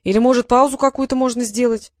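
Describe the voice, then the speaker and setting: A woman voicing a quick-witted, nervous young male apprentice mage in an eager, raised voice. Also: on the high side, steady tone, voice pushed up, lightly acted.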